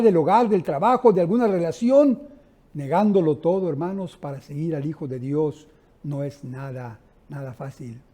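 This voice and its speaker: A man preaching an evening church sermon, speaking with passion to the congregation as brethren, swelling and dropping in loudness as he tells stories. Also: on the high side.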